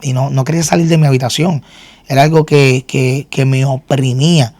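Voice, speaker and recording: A man's voice: mid-range voice, steady tone, fairly quick, darkish tone, no echo. A man speaking earnestly in a faith interview, in an ordinary middle voice. He often restarts and repeats words as he gives his testimony. The sound is dry and close. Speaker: guest minister and singer.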